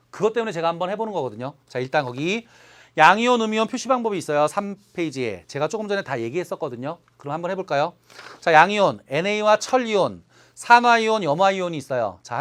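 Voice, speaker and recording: A man's voice: high voice, a bit bright. A man teaching a chemistry lecture to students, often checking that they follow and stretching out key syllables for emphasis. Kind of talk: online lecture.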